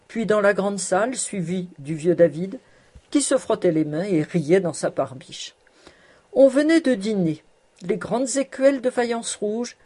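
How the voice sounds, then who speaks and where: A woman narrating a classic novel aloud in a measured, expressive reading. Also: on the low side, breathy edge. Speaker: audiobook narrator. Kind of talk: scripted narration.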